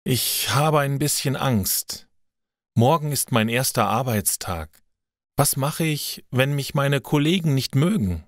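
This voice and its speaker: A man voicing a young woman in a learner's story, a little higher and livelier than his narration. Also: expressive, slow, no echo, studio quality. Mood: unsure. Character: young woman, friendly then nervous.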